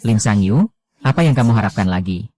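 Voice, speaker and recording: A man reading the dialogue of a dubbed drama, voicing every role in one even, low-key delivery. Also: brisk. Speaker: voice-over reader of a drama.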